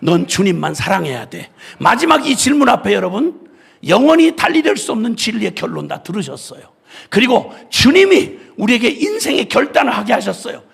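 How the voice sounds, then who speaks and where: Impassioned, gravelly male preacher. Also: very high voice, big pitch swings, a little fast. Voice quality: gravelly and husky. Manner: impassioned, often shouting. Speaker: missionary preacher. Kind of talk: sermon at a revival meeting.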